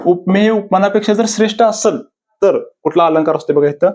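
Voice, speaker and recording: A man's voice: sits high, a little mellow. A man teaching grammar for competitive exams in a video lecture, repeating each answer as a question-and-answer drill. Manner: repetitive, quizzing himself with question-and-answer drills; drawn-out, deliberate delivery of quoted verses. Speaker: exam-prep teacher. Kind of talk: classroom-style video lecture.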